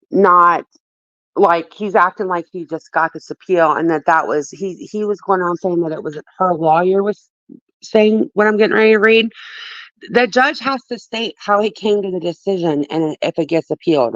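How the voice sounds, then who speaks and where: A woman's voice: lowish voice, moderate pace, no room sound. A woman co-hosting a livestream, rambling through casual gossip commentary, laughing often and swearing freely. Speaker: livestream co-host. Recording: dull dry lo-fi stream audio.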